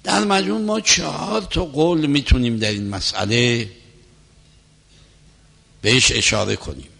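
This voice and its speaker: Male cleric, mid pitch, gravelly, measured lecturing delivery; reverberant hall recording. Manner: measured, explanatory lecturing, recites scripture softly. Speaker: cleric teaching religious law. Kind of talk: religious lecture with prayer.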